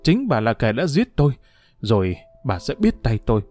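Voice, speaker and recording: A man voicing a grieving middle-aged male official who speaks through clenched teeth and bursts into angry shouting. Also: mid-range voice, huge pitch swings, moderate pace, soft background music. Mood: furious.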